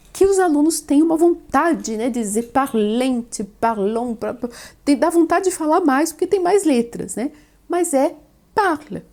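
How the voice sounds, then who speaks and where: A woman's voice: high voice, mellow. A woman teaching French in an online lesson, explaining patiently and often adding "né?".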